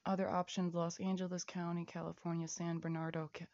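Woman doing a low-key solo audio diary, gravelly voice, dull dry lo-fi sound. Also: flat delivery, brisk, darkish tone, no room sound. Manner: rambling, reads out lists of places and prices; half-whispered at times.

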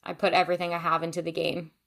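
This former goalkeeper from Maryland races through her podcast answers in a fairly low, creaky, slightly bright monotone. She's a young woman, chatty and quick to laugh, leaning heavily on "like" and "um."

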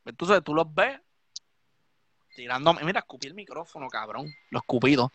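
A man's voice: on the high side, expressive, moderate pace, fairly bright tone, no echo. A Puerto Rican man, a DJ hosting a live stream, ranting drunk and swearing heavily. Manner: profane, heated, repetitive ranting.

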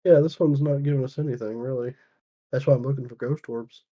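A man chatting casually while playing a ghost-hunting game, low-key and trailing off into quiet mumbled asides. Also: steady tone, brisk, breathy edge. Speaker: podcast co-host. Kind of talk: casual gaming chat.

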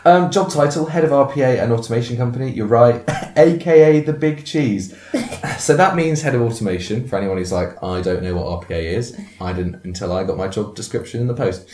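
A man's voice: mid-range voice, fairly quick, darkish tone. A man in his twenties co-hosting a casual chat, teasing and laughing often. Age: 20s. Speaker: podcast co-host. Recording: echoey room.

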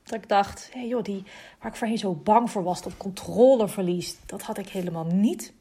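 A young woman speaking at an ordinary middle pitch for a woman. She recounts her birth story in a calm, reflective and soft-spoken way, pausing now and then to find her words. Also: slightly rough. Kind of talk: casual personal storytelling.

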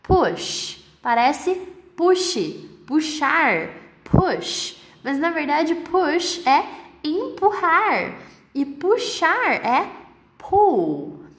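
A woman's voice: sits high, sing-song. Echoey Brazilian woman teaching English. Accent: Brazilian Portuguese. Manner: explanatory, repeats example words slowly. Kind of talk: podcast lesson.

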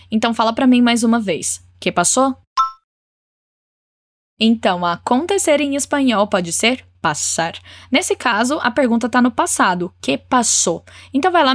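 A woman's voice: fairly high pitch, no echo, clean studio sound. Encouraging woman teaching Spanish phrases. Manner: encouraging, models phrases slowly and clearly. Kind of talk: language lesson with repeat-after-me drills.

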